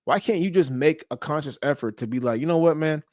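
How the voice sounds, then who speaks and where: A man's voice: a little high, fairly quick, darkish tone, no room sound, clean studio sound. A man hosting a podcast, giving a blunt motivational talk about fitness and habits, with casual profanity and slang. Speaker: podcast host. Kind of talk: motivational monologue.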